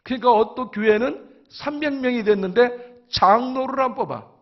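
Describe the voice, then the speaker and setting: A man's voice: very high voice, normal speed. A middle-aged man with a Chungcheong accent giving a humorous church talk as an elder, animatedly acting out dialogue. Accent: Chungcheong Korean. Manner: animated storytelling, acts out dialogue. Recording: dull lo-fi recording.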